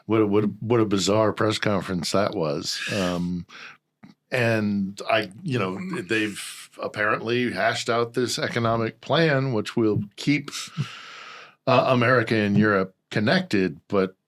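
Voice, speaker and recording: A man hosting an interview podcast, chatting in a relaxed conversational way. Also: lowish voice, a little slow. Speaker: podcast host. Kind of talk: interview discussion.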